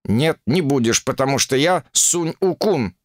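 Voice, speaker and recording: A haughty monkey king lays down the law in slow, lofty tones, as a man reads him aloud. His voice sits somewhat above the reader's own and moves broadly. The sound is close and dry. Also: mid-range voice, lively intonation, no echo, voice pushed up, close to an everyday voice. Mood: commanding. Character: arrogant male monkey king, proud and stubborn.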